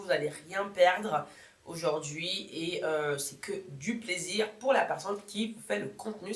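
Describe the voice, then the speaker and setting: A woman's voice: medium pitch, fairly bright tone. A woman in her thirties talking casually to her viewers in a motivational vlog, chatty and repeating words for emphasis, often correcting herself as she goes. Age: 30s. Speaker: YouTuber. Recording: echoey room.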